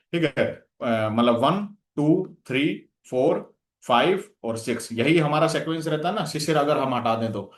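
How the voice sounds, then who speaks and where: A man's voice: fairly high pitch, reverberant. A man giving a revision lecture for an exam, listing terms with memory tricks and checking in with "theek hai" again and again. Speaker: exam coaching teacher.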